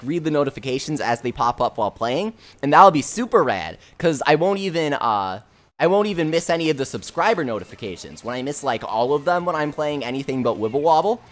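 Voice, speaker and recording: A young man with a fairly bright, mid-range voice streams live, talking close to his mic. He reads chat messages aloud in an upbeat way with frequent laughs, as faint game music plays behind him.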